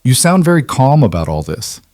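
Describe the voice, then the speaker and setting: A man's voice: mid-range voice, big pitch swings, fairly quick, darkish tone, no room sound, clean studio sound, voice pushed up, close to an everyday voice. A man voicing a tense, worried single father in an audiobook, guarded and anxious. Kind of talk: scripted audiobook narration.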